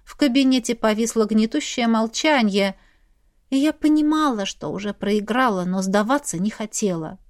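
A woman narrating a novel in the first person with steady, even storytelling. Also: fairly high pitch, moderate pace. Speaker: audiobook reader.

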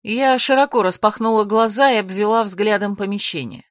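A woman's voice: mid-range voice, normal speed, dry recording. A woman narrating a fantasy audiobook in the first person, dry and matter-of-fact.

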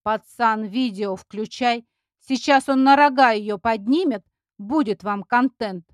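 A gruff, scruffy village man who barks out scolding words, as a woman reads him out. Her voice stays rather high, close and dry at the mic. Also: measured pace, no room sound, natural voice. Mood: barking. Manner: barking, scolding.

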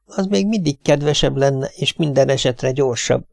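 A man voicing an anxious, whining middle-aged wife in an audiobook, with a tearful, pleading, high voice. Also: vocal fry, dry recording, close to an everyday voice. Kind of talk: audiobook character voice.

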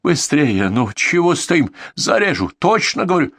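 A man's voice: on the high side, sing-song, a little slow, a bit bright, no echo, pitched above the performer's own voice, full character voice. A man reading an audiobook, voicing a desperate, hysterical bandit who screams threats at a camp. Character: hysterical knife-wielding male bandit, desperate.

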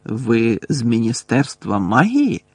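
A man voicing a proud, hostile male centaur who speaks slowly, gruffly and menacingly, in an audiobook. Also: mid-range voice, very animated, no room sound, exaggerated voice. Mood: gruff, offended.

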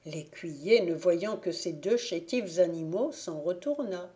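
A woman reading a fairy tale aloud for an audiobook, telling it slowly and evenly. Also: fairly low pitch. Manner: slow, even storytelling. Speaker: audiobook reader.

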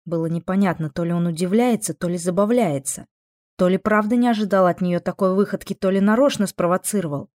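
A woman narrating a fantasy audiobook in a steady, even storytelling manner. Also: fairly low pitch, a little fast, no echo, clean studio sound. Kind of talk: scripted narration.

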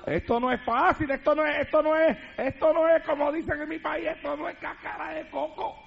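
A man preaching a fervent radio sermon from a church altar, emphatic and often shouting. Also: extremely high pitch, steady tone, brisk, gravelly. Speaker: pastor. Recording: dull lo-fi radio broadcast recording.

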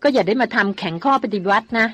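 A woman's voice: fairly high pitch, a bit bright, husky. A woman reading as a bossy young woman doctor. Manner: scolding, quick-tongued.

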